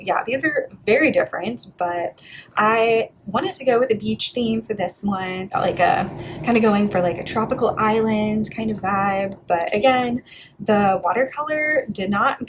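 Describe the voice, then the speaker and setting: A young woman from Bulgaria who talks through her bullet journal pages in a relaxed, chatty voice-over full of "like" and "yeah". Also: medium pitch, slight background noise. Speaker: art vlogger. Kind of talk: casual voice-over flip-through.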